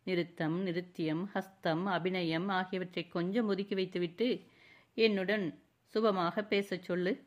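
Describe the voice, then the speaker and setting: A woman's voice: fairly low pitch, flat delivery, unhurried, lo-fi sound, lightly acted. Woman reading as a teasing young prince. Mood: teasing, courtly. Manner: mocking, courtly. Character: young royal prince, teasing then tender.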